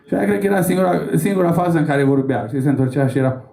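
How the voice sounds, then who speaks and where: A male comedian from Romania performs a crude, profane, rambling stand-up set. His voice sits a little high, with a gravelly, dark tone. The room is echoey, as on a comedy club stage. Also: background noise.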